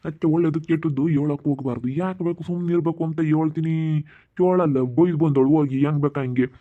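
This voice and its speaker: A man playing a stern older village man who scolds the women to keep quiet, in an amateur skit. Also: fairly high pitch, quick pace, close to an everyday voice. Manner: admonishing, repeats rhetorical questions. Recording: tinny phone-like audio.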